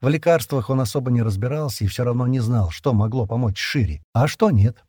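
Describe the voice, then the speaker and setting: A man narrating an audiobook chapter in a measured storytelling manner. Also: medium pitch, dark tone, slightly rough, no room sound, clean studio sound. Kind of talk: scripted narration.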